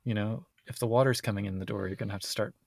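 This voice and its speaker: A man's voice: fairly low pitch, steady tone, racing, vocal fry, a little mellow, no room sound. A man co-hosting a podcast in casual conversation, recorded inside a closet at home. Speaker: podcast co-host.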